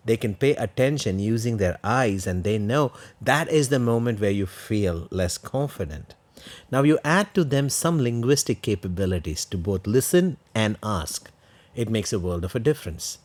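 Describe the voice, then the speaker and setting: Low-voiced man explaining on a podcast. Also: a little mellow. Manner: earnest, lecturing, with rhetorical questions. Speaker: podcast co-host.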